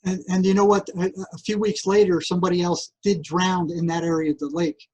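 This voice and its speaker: A man's voice: sits high, a little fast, husky, rough recording. An older man, a guest psychotherapist, telling a long story in a casual interview with frequent restarts. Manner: animated, repetitive restarts, acts out voices.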